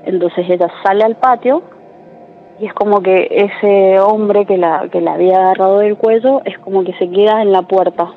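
A woman's voice: medium pitch, steady tone, normal speed, soft background music. A woman, a caller telling a true story in a chatty way with lots of tag questions. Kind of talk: casual storytelling. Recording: tinny phone line with faint noise.

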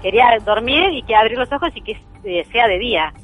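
A woman's voice: fairly high pitch, expressive, brisk, phone-quality sound, soft background music. A woman with an Argentine accent telling a true ghost story as a guest, earnest and emphatic, repeating key phrases. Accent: Argentine Spanish.

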